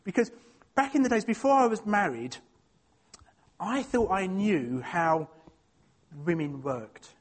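Speaking slowly and expressively, this Essex man, with his local accent and strikingly high male voice, tells a church personal stories in an informal way. He comes across chatty and self-deprecating, frequently pausing to find his way through an idea.

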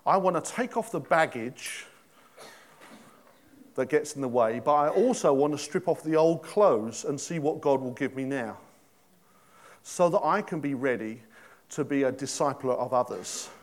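A middle-aged man gives a sermon in a relaxed, conversational manner. He asks his listeners questions and throws in jokes as he goes. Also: medium pitch, measured pace, pauses often. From Britain. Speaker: pastor.

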